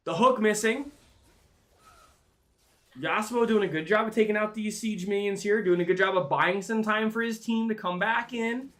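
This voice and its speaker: A man giving live play-by-play commentary on a video game match in an excitable announcer style. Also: high-pitched, normal speed. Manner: excitable announcer-style calls that swell at big plays. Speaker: esports commentator, play-by-play caller.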